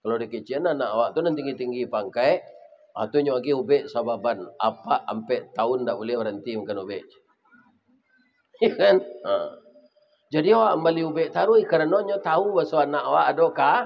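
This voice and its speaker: A man's voice: mid-range voice, moderate pace, creaky, highs cut off, a little hiss or hum. Minangkabau-accented male preacher. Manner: lively storytelling, addressing the congregation directly. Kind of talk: humorous sermon.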